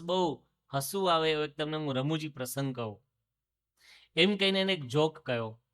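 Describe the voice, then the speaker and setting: A man's voice: a little high, fairly bright tone. A man with a Gujarati accent, giving a spiritual discourse to devotees. He tells stories, asks rhetorical questions, and drops English phrases into his talk. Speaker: religious speaker.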